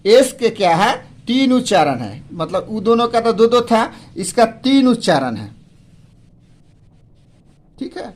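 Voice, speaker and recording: A middle-aged man teaching English pronunciation, repeating words and asking and answering his own questions. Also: sits high. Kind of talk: classroom pronunciation lesson.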